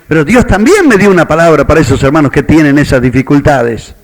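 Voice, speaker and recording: A man's voice: a little high, expressive, quick pace. A man with a Rioplatense Spanish accent preaching a sermon as a pastor, telling a story and quoting its characters. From Argentina.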